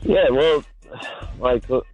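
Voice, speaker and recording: A man speaking over the phone, hesitant and halting, full of fillers and restarts. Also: medium pitch, darkish tone, faint music behind. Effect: heard over the phone. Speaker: phone call recipient. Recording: muffled phone-line audio.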